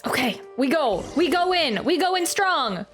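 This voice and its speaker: A female game streamer chats casually and reacts live as she plays a video game, with game music running behind her. Her voice sits high and is very animated and a bit bright, at a normal speed.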